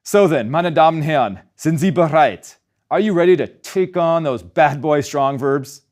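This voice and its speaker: A man narrating a scripted German grammar lesson, explaining step by step and slowing down to pronounce German example words. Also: fairly high pitch, lively intonation, a little mellow. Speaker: German language teacher.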